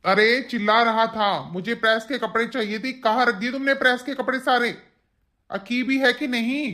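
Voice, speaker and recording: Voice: mid-range voice, fairly even intonation, normal speed, bright, forceful tone, lightly acted. A voice actor playing an irritable, rude young husband in a cartoon, scolding and complaining. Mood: angry. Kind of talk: cartoon voice acting.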